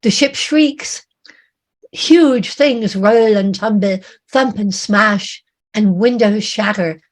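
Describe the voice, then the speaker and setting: A woman author reading her own dramatic story aloud in a measured, vivid way. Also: mid-range voice.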